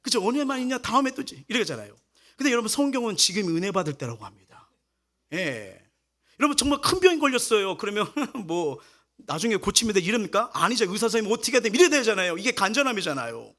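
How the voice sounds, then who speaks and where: A man delivers a sermon as pastor, his voice pitched high for a man and swinging widely up and down. He tells a personal story with animation and acts out the lines of the people in it. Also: fast talker. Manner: animated storytelling, acting out quoted speech.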